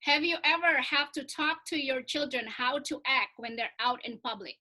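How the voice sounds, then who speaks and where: A woman's voice: sits high, fairly even intonation, normal speed, sharp tone. A woman hosting a group discussion over a video call, upbeat and prompting others to join in. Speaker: forum host.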